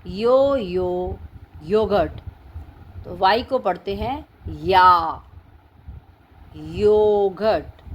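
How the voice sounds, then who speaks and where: A woman teaching phonics, spelling words out letter by letter in a slow, deliberate way. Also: mid-range voice, poor audio. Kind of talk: classroom-style phonics lesson.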